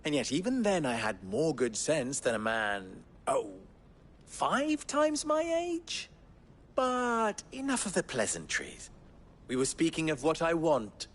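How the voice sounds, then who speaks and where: A man's voice: a little high, slightly rough, exaggerated voice. A man playing a smug, swaggering young merchant in a mocking, pompous, theatrical period fantasy drama style. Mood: mocking, grand. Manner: mocking, pompous, drawn-out delivery.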